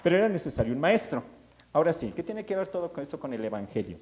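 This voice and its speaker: A man, a priest giving a sermon in an animated storytelling way. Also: on the high side, fast talker.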